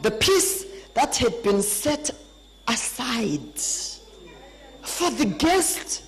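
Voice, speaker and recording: A woman with a Zimbabwean accent preaching a conference sermon, emphatic, swinging between high peaks and low drops. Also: big pitch swings, very slow, rough recording.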